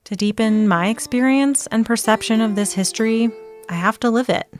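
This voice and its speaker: A woman narrating a documentary in a clear, descriptive storytelling style. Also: a little high, moderate pace, faint music behind. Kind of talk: scripted narration.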